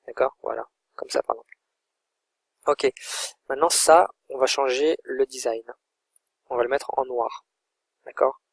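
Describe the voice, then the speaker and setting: A man narrates a screen-recorded tutorial in a loose, thinking-aloud way, narrating every click as he makes it. His voice is mid-pitched with a slightly husky edge. The sound is dry and close, with no room echo. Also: unhurried, long pauses. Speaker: online course instructor.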